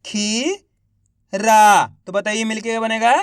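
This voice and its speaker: A man teaching children to read, sounding out each syllable slowly and then drawing out the whole word, while encouraging his viewers. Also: high-pitched, a bit bright, clean tone, no echo, studio quality. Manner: encouraging, addresses viewers as friends. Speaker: Hindi reading teacher. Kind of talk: online reading lesson.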